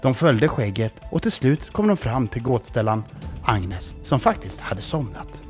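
A narrator telling a children's adventure story, playful and expressive. The voice moves up and down in a lively way. Soft music plays faintly in the background. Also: mid-range voice.

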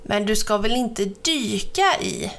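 A woman voicing a grumpy, fussy male crow who mutters and complains slowly. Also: medium pitch, animated, a bit bright. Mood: grumbling.

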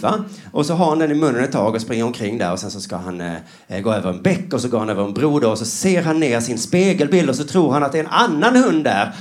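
A man performing a rambling, sarcastic stand-up routine, mocking other voices as he goes. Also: mid-range voice. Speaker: stand-up comedian.

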